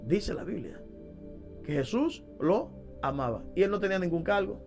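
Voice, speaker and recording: Man, deliverance minister, sermon, emphatic, rhetorical questions, very high pitch, faint background music. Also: big pitch swings, normal speed.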